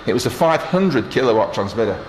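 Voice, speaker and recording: A man of middle age or older talks briskly at medium pitch, his voice swinging widely up and down as he explains things on an informal guided technical tour. His tone is matter-of-fact, and the recording carries roomy echo and faint noise.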